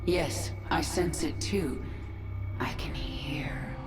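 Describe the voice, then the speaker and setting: Low-pitched, echoing vengeful swarm queen. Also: drawn-out words, whispered. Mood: cold, menacing. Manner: commanding, ominous. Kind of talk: video game voice acting. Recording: echoing game audio over music.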